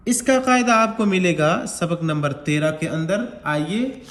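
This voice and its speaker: A man with a high, expressive voice teaches Quran recitation at a measured pace, going step by step. He patiently explains each rule and draws out the words as he recites them. The room echoes and the background is noisy.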